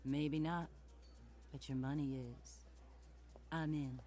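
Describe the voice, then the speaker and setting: A low, sultry woman private eye in a noir video game. She is world-weary and coolly sardonic, speaking dryly over background music. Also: steady tone, slow pace, mellow. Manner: sultry, dry, cool, sardonic. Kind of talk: film noir detective narration and dialogue, video game voice acting. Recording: music under the voice.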